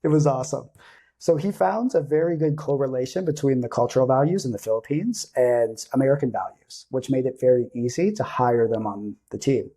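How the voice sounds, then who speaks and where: Male podcast host, mellow and slightly husky, upbeat and chatty. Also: medium pitch, fairly quick. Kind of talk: casual interview.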